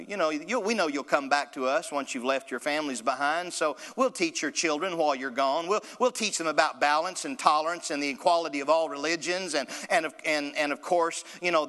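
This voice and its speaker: A man's voice: fairly high pitch, pushed and bright, long reverb tail, pitched above the performer's own voice. A preacher voicing a scheming male pharaoh who coaxes and mocks. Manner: wheedling, mocking offer.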